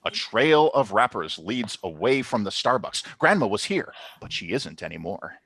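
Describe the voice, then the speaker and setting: A man running a tabletop game as game master over a video call, narrating with lively storytelling and calling for checks. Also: fairly low pitch, moderate pace, gravelly, breathy edge, no room sound. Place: home.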